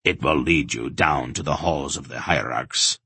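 A menacing, authoritarian priest from a fantasy audiobook, played by a man. The voice is harsh and very low, questioning others with stern suspicion. The sound is close and dry. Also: measured pace, bright, forceful tone, husky, no room sound, full character voice. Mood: stern, suspicious. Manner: imperious, questioning.

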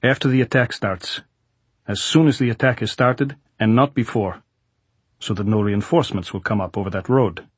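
A man's voice: fairly low pitch, normal speed, slightly rough, dry recording. A man voicing a brusque, emphatic Soviet military general, exasperated with his orders, in an audiobook. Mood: commanding. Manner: emphatic, stern military officer. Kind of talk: audiobook character voice.

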